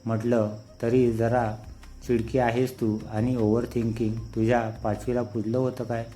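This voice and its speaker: A man reading as a gentle teasing young suitor. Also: medium pitch, level tone, normal speed, faint music behind, natural voice. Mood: tender.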